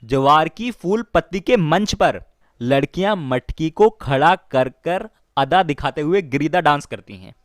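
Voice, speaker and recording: A man's voice: on the high side, animated, no echo. Dry-voiced man teaching exam mnemonics. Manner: explains slowly with stories and repeats key lines. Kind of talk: mnemonic lesson for exam students.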